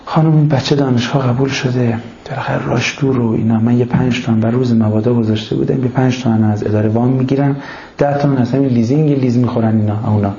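A man acting out a stern, grumbling middle-aged father in a gruff, bossy way. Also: mid-range voice, fairly even intonation, dark tone, reverberant, muffled recording, pitched below the performer's own voice, natural voice.

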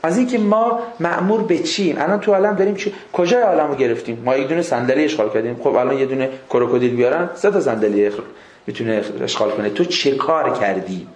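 A man's voice: on the high side, lively intonation, hardly any pauses, a little mellow. A man giving an informal religious lecture, conversational, with rhetorical questions and jokey anecdotes. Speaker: religious speaker. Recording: echoey room.

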